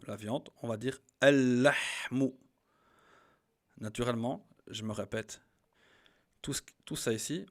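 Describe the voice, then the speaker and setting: Man, teacher, patient, slow repeated examples, mid-pitched voice. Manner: patient, repeats each example slowly and stresses the Arabic words. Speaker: Arabic teacher. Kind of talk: grammar lesson.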